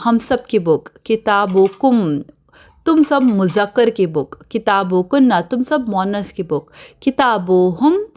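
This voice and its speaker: A woman teacher leads an online Arabic grammar lesson at an unhurried pace. She pronounces each word slowly and repeats it, then explains it in Hindi-Urdu mixed with English. A steady "okay" keeps the lesson moving. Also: medium pitch.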